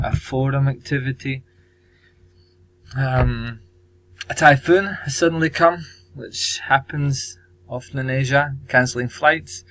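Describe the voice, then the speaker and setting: A man teacher presenting his language course tasks, measured and pausing often with ums. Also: medium pitch, a bit bright, dry recording, poor audio. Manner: measured, with frequent ums and pauses. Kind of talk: recorded presentation.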